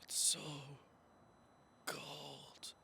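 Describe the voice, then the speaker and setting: A man playing the ghost of a cold, lonely dead man in a short film, speaking slowly, faintly and pleadingly. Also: bright, forceful tone, whispered, exaggerated voice. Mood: forlorn. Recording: noisy background hiss.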